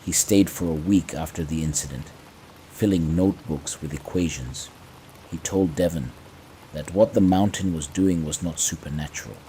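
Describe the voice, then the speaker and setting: A man narrating scripted horror stories to fall asleep to, in hushed, creeping, ominous tones with measured, dramatic pauses. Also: very deep voice, a little hiss or hum, poor audio. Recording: faint rain ambience behind. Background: soft rain sounds.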